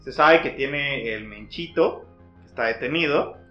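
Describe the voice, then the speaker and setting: A man's voice: mid-range voice, unhurried. A man with a Mexican accent hosting a podcast, telling news gossip in casual, rambling, slangy talk. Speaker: podcast host. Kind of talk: casual storytelling chat with slang. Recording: muffled, echoey room with music.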